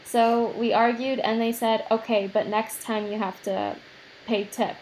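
A woman's voice: fairly high pitch, fairly even intonation, unhurried, a little mellow, slight background noise, low-quality recording. A young adult woman chatting casually, telling a story with plenty of fillers. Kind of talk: casual chat.

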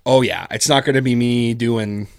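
A man with a gravelly, medium-pitched voice speaks at a normal speed, recorded in studio quality without room sound. The podcast guest, a horror story writer based in Canada, chats casually in an interview, rambling and using plenty of fillers like "like" and "kinda".

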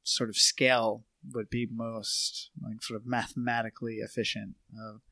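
A man's voice: on the low side, level tone, moderate pace, creaky, sharp tone, dry recording. A young man in a casual podcast chat who rambles and keeps restarting his sentences with "I mean".

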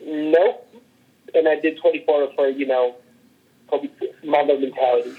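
A man's voice: on the high side, steady tone, unhurried, breathy edge. A man chatting casually about sports on a podcast, heard over a muffled, lo-fi connection. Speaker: podcast co-host or guest.

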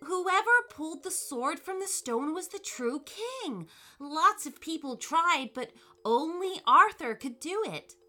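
A woman voicing an eager young boy who asks excited, breathless questions. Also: very high voice, slow pace, faint music behind, pitched above the performer's own voice, full character voice.

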